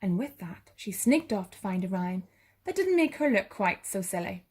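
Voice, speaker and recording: A woman narrating a bedtime story for children in a gentle sleep-story manner. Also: mid-range voice, very animated, normal speed, slightly rough. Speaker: bedtime story reader for a primary school.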